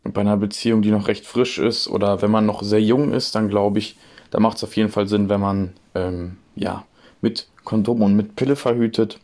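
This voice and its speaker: A man's voice: fairly low pitch, fairly even intonation, normal speed, a little mellow. A man answering a street-style interview casually, weighing his words as he speaks. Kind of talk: vox-pop answers.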